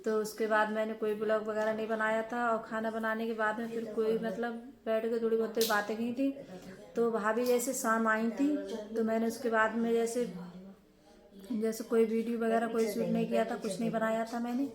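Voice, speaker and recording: A young woman narrating her own home vlog in a casual, unhurried way, with lots of filler words. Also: a little high, monotone, crowd noise. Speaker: home vlogger.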